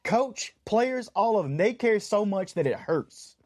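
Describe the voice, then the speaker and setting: Man, podcast co-host, high voice, dry close sound, earnest, repeats himself. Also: lively intonation, unhurried, a little mellow, dry recording. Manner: earnest, repeats words as he builds a point. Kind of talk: casual chat.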